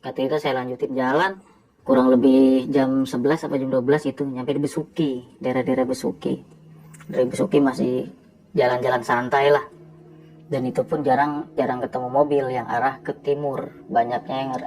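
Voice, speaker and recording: A man who drives trucks, telling a story casually and animatedly, with quick asides to the listener. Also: mid-range voice, flat delivery, darkish tone, rough recording.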